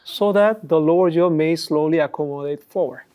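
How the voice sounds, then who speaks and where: Born in Korea and brought up in Chile and Peru, this middle-aged man is an orthodontist guest describing his work in a studio interview. He talks at a moderate pace in a higher, warm, clean-sounding voice, full of fillers and restarts.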